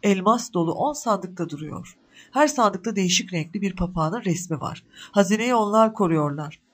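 A desperate young mother in a storybook, fiercely protective of her child, voiced by a man. Her voice is lifted high and pressing, urgent in every line. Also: lively intonation, moderate pace, a bit bright. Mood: tender.

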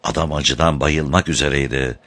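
A man narrating an audiobook dramatically, lifting his voice for shouted lines. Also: extremely low pitch, moderate pace, dry recording. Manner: dramatic, raises voice for shouted quotes.

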